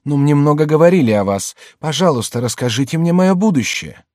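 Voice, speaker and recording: A man's voice: fairly high pitch, expressive, fairly quick, darkish tone, dry recording, studio quality, pitched above the performer's own voice, close to an everyday voice. A man voicing an anxious woman in her forties searching for her lost son, in a pleading, emotional tone.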